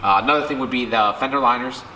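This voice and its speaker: A man's voice: mid-range voice, quick pace, bright, forceful tone, reverberant, a little hiss or hum, rough recording. A man with a stuffy, allergy-blocked voice, talking casually about cars as a guest on a vlog, rambling and correcting himself. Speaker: guest car enthusiast.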